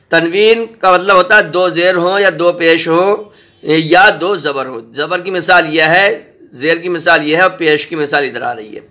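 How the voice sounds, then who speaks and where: A man teaching Quran recitation, spelling out each word slowly and repeating it, often checking that the listener understands. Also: a little high, pushed and bright. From South Asia. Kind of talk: slow spelled-out recitation lesson.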